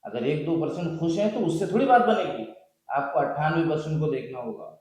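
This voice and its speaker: A man's voice: a little high, animated, brisk, darkish tone. Male vlog host, preachy and repetitive sermon delivery, recorded in a heavily echoing room. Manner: preachy, repeats lines for emphasis. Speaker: video host. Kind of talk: impassioned social sermon. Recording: very echoey room.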